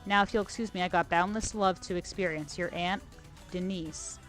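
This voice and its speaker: A woman's voice: lowish voice, fairly even intonation, moderate pace, a bit bright, soft background music, natural voice. A woman reading out a scornful, boastful middle-aged aunt in a haughty, sneering way.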